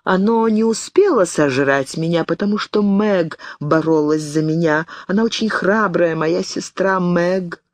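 A woman's voice: on the low side, unhurried, hardly any pauses, dry recording, lightly acted. A woman voicing a mad, childlike elderly Englishwoman who chatters in a plaintive singsong.

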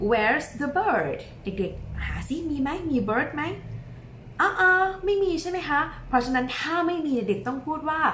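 Woman children's teacher: high voice, drawn-out bilingual coaxing, echoey room. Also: a little hiss or hum. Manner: slow, drawn-out modelling of words for repetition; lively, sing-song coaxing of children. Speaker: English teacher for young children.

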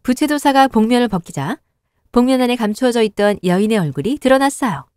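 Woman narrator for cartoon folk tales, steady and gentle. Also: a little high, fast talker, smooth, no room sound, clean studio sound. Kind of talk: storybook narration.

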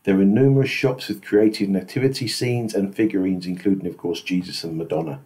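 A man narrating his travel vlog in a scripted voice-over, measured and unhurried. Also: deep voice, fairly even intonation, darkish tone. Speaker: travel vlogger.

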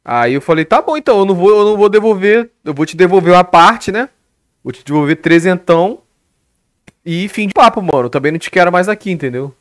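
A man's voice: sits high, expressive, fast, no echo, studio quality. A young Brazilian man on a live stream telling a story in a casual rant, swearing constantly and talking animatedly into a headset. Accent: Brazilian Portuguese.

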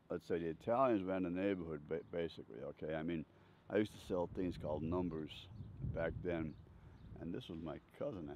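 Here an older man with a low, creaky voice shares casual, wandering stories from his past, punctuated by frequent laughs. He's on an outdoor bench, speaking into a handheld mic with a furry windscreen held close to his chest, and the audio is a little dull with faint noise from outdoors.

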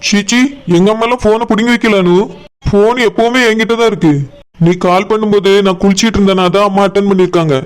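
A man voicing a fretful young lover, high-voiced. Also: steady tone, fast talker, clean tone, close to an everyday voice. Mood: concerned. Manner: fretful, reassuring. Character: anxious young man secretly in love with his cousin. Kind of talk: cartoon voice acting.

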